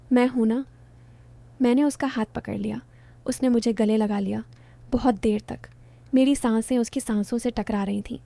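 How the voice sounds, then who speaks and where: Warm-voiced woman telling an emotional story. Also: a little high, vocal fry, no echo. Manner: soft, heartfelt, confiding. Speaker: first-person narrator. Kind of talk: scripted narration of an emotional story.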